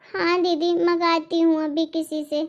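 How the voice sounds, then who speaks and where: A patient young cartoon wife speaks in a very high, soft, pleading voice. She keeps trying to smooth things over. The recording sounds dull and lo-fi. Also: level tone, a little slow. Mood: placating. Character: meek polite young wife, gentle and patient. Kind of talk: animated cartoon voice acting.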